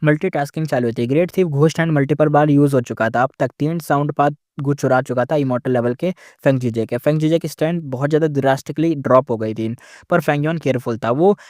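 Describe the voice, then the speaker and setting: A man's voice: a little high, fast talker, a little mellow, dry recording. Chatty man recapping a story, dry sound. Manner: chatty, mixes English terms, says "bhai". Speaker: novel recap narrator.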